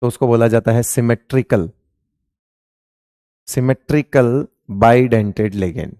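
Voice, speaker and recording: A man lectures on chemistry in Hindi, slowly and mellowly, in a mid-range voice. He poses question after question only to answer it himself, with fond terms like beta and raja for his students. The sound is studio quality, free of echo.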